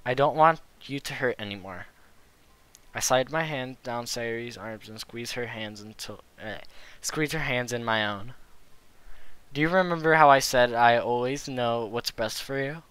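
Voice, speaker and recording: Earnest male narrator with a bright, forceful voice, dry close mic. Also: medium pitch, unhurried, clear, resonant tone, no echo. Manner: earnest, reassuring. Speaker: streamer and narrator voicing the player character. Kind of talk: live fan dub narration.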